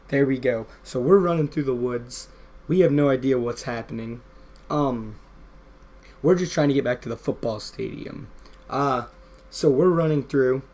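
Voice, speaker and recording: A man's voice: medium pitch, a little mellow. A young man telling a casual, rambling story over gameplay, full of fillers. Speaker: gaming vlogger.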